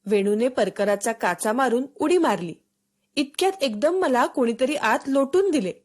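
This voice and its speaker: A woman narrating a storybook for schoolchildren in a steady, expressive read-aloud. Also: high-pitched, moderate pace.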